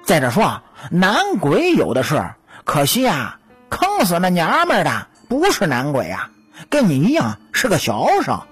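A woman's voice: on the low side, huge pitch swings, moderate pace, husky, soft background music, voice pushed down, heavily acted. A woman voicing a cocky, teasing male weasel spirit in a storytelling audiobook. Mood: smug teasing. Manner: teasing, smug, chuckling.

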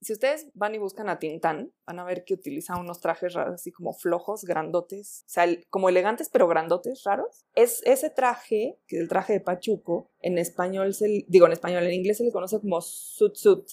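Woman, teacher, class lecture, conversational, rhetorical questions, mellow warm voice. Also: fairly low pitch, moderate pace, few pauses. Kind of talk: recorded online class lecture.

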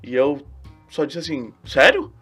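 A young man with a southern Brazilian gaúcho accent, hosting a podcast and telling a self-mocking story in animated, profane slang. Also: fairly high pitch, a little fast, soft background music. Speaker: podcast host. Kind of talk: casual storytelling monologue.

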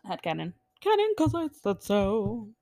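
A woman host chatting loosely as she reads fan comments aloud, dropping swear words and bursting into laughter. Her voice sits in a middle register and sounds close and dry, with no room echo. She jumps into quick put-on voices when she quotes people. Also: mid-range voice, wildly swooping pitch, warm tone. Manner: casual, swears freely, laughs often; acts out quoted characters in jumped-up voices. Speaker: podcast host. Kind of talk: casual chat reading fan comments.

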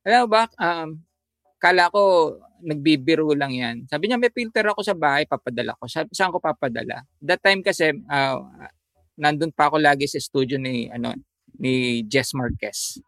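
A man with a fairly high voice tells a story in relaxed conversation as a photographer guest. He talks in a halting way, with fillers and restarts. The sound is dry and close, with no room echo. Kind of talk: casual chat, telling a story.

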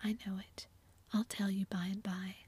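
A woman voicing a gentle, frail teenage girl in a soft, tremulous whispered role-play. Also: mid-range voice, flat delivery, normal speed, breathy edge. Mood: soothed.

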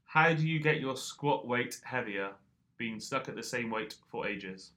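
A man's voice: medium pitch, expressive, unhurried, sharp tone. A man co-hosting a casual fitness podcast, explaining training step by step. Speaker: podcast co-host.

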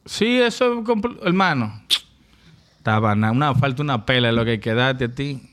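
A man's voice: mid-range voice, lively intonation, normal speed, fairly bright tone. A young man with a Dominican Spanish accent, ribbing his friends in crude, teasing podcast banter. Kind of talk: casual chat.

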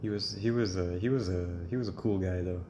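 Deep-voiced young man, dry teasing. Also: fairly even intonation, brisk. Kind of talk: casual chat. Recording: echoey room with faint ambient noise.

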